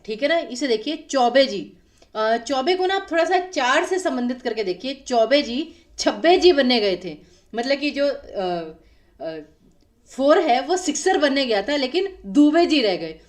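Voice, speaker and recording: A woman teacher giving an exam-prep language lecture, explaining patiently and repeating words slowly to stress their spelling and sound, with a Himachali Hindi accent. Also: sits high, very animated, distant mic.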